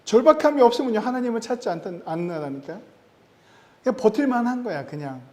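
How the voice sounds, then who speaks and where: Pastor, man, high mellow voice, emphatic preaching, long church-hall reverb. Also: expressive, fast. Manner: emphatic preaching with rising stress and sudden drops in loudness. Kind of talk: sermon. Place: church sanctuary.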